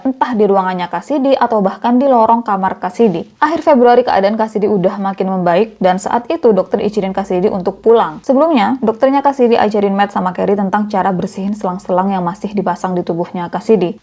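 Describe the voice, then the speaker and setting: Quick chatty woman telling true crime. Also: medium pitch, a little mellow. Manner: chatty, conversational retelling. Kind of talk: casual true crime narration.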